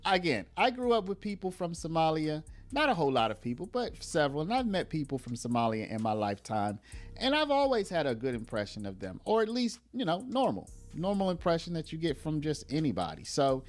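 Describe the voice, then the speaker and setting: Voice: medium pitch, very animated, a little fast, soft background music. An online commentator talking casually to viewers in a chatty way, often saying "y'all".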